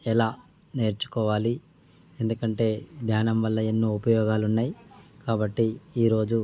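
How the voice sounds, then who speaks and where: A man giving spoken meditation instruction in a calm, unhurried way, pausing between short phrases. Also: fairly low pitch, a little hiss or hum. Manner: respectful formal greeting. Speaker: meditation teacher.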